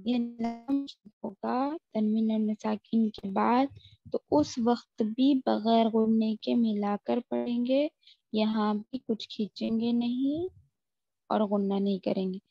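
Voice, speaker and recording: A woman teaches Quran recitation rules in a lesson, explaining and then stretching each recited example out very slowly. Her voice sits fairly high. The recording is dry and somewhat dull, like lo-fi audio. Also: fairly even intonation, gravelly, dry recording, soft background music.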